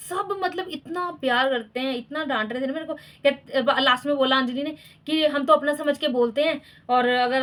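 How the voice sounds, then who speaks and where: Woman vlogger from india, 30s, high voice, chatty and laughing, talking to followers. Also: a bit bright. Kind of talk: casual chat to followers.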